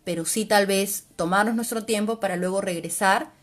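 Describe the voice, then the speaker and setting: A woman speaks in an informal live-stream talk as a psychologist. Her voice sits at an ordinary middle pitch, and she explains things patiently, step by step. She often closes her phrases with a questioning tag. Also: moderate pace. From Peru. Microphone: livestream mic.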